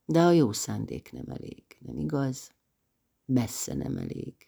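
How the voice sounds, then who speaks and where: A woman doing a grave, hushed man. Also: extremely low pitch, expressive, creaky, husky, exaggerated voice. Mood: grave, remorseful. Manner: hushed, sinking to near-whisper. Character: grave, quiet middle-aged man confiding remorse.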